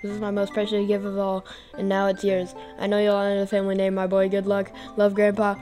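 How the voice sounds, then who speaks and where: A man's voice: high voice, monotone, fast, a little mellow, faint music behind, natural voice. A young man reading as a wise old grandfather. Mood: earnest. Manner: reads dialogue aloud in a mock old-man voice.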